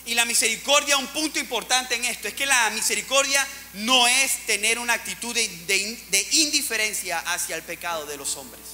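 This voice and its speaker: A male pastor preaches in a high, piercing bright voice, rising and dropping sharply as he acts out the figures of the story. His words ring through a reverberant church hall while faint music plays underneath. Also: expressive, moderate pace, hardly any pauses. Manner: preaching with dramatic swings, acting out Bible characters. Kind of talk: sermon.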